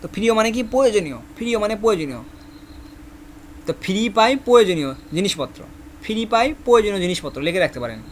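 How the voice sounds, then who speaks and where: A high-pitched man teaches a Korean vocabulary class, saying each word again and again and quizzing his students. A faint hiss of background noise runs under his voice. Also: very animated, fast talker. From Bangladesh. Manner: repeats each word many times, asks the class questions. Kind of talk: classroom lesson with memory tricks.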